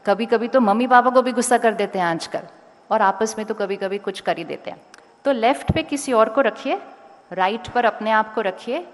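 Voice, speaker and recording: A woman giving a motivational spiritual talk to a school audience, speaking slowly and deliberately and sometimes calling on the crowd to raise their hands. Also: a little high. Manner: calm, slow and deliberate, rising to urge the crowd. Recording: long hall reverb.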